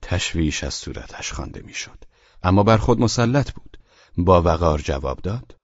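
A man narrating an audiobook in a calm, even storytelling manner. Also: low-pitched, no room sound, highs cut off.

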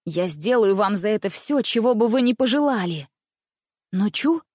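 A woman voicing a timid, excitable young man who fawns and squeals. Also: moderate pace, no echo, studio quality, lightly acted. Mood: eager fawning. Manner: shrill, fawning.

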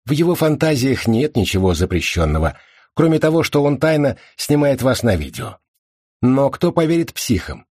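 A man's voice: mid-range voice, very animated, normal speed, a little mellow, no room sound, clean studio sound, voice pushed up. A man voicing a sly, evasive young male hacker in an audiobook, with a smug, teasing manner. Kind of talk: audiobook character voice.

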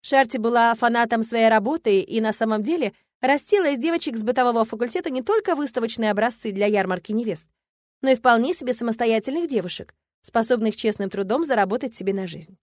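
A woman narrating a first-person audiobook with lively storytelling. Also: on the high side, fast, no echo, studio quality. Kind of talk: scripted narration.

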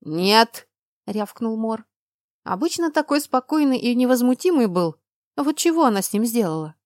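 A woman narrating a storybook in the first person, lively, with exasperated quotes of the heroine. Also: on the high side, brisk, no echo, clean studio sound. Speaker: audiobook narrator.

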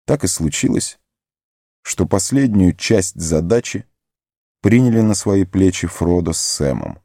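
Male audiobook narrator, very low and mellow, dry close recording, measured delivery. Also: big pitch swings, dry recording. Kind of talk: storytelling narration.

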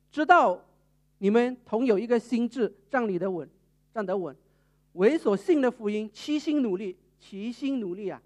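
A woman evangelist, preaching a sermon and telling a story with lively acted-out quotes. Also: fairly high pitch. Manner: animated storytelling, acting out quoted people.

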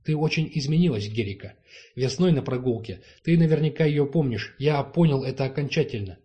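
A man's voice: mid-range voice, animated, brisk, muffled recording, close to an everyday voice. A man reading the lines of a passionate young duke in an audiobook, heated and insistent. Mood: ardent.

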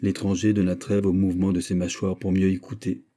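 A man reading a classic novel aloud, narrating and acting out the dialogue with lively shifts in voice. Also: a little fast. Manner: lively, voices characters with raised pitch. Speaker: audiobook reader. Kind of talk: scripted narration with acted dialogue.

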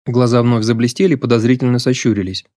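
A man reading a novel aloud as an audiobook narrator, in a measured, even storytelling manner. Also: medium pitch, no echo, studio quality. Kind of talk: scripted literary narration.

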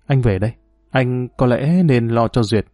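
A man's voice: medium pitch, unhurried, mellow, no echo, studio quality, faint music behind, close to an everyday voice. A man reading as a sad, resigned ex-husband. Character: sad, patient middle-aged ex-husband.

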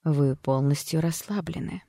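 An audiobook reader playing a calm female psychotherapist who speaks slowly and soothingly, like in a hypnosis session. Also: medium pitch, no room sound, clean studio sound, lightly acted. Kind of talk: audiobook character voice.

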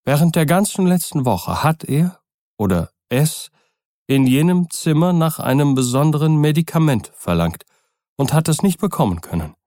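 Old manservant, scared and insistent, pitched up, read by a man. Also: sing-song, normal speed, dark tone, no room sound, studio quality. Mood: agitated, fearful. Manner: urgent, pleading, rising pitch. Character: agitated old male butler, fearful.

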